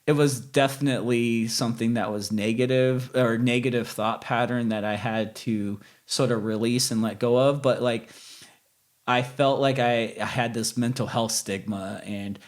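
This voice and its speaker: Man, interview guest, medium pitch, casual conversation, candid, reflective. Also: steady tone, normal speed.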